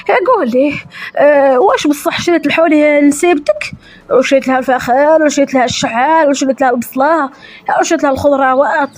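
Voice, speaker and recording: A woman doing a nagging, high-voiced old mother. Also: close to an everyday voice. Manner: prying, reproachful questioning. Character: nagging older mother questioning her grown son. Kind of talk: comedy sketch acting.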